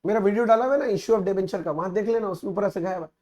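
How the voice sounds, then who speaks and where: Male accounts teacher with a high-pitched voice. Casual lecture delivery, mixes Hindi and English, keeps checking in with the class. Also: rapid-fire, a little mellow. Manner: mixes Hindi and English, asks students frequent check-in questions. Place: recorded teaching video.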